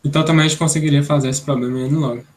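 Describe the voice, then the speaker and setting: A man's voice: fairly high pitch, steady tone, very fast. A young man from Brazil teaching an online programming class, thinking aloud step by step and checking in with "né?". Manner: explanatory, thinks aloud, many "né?" tags. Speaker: instructor.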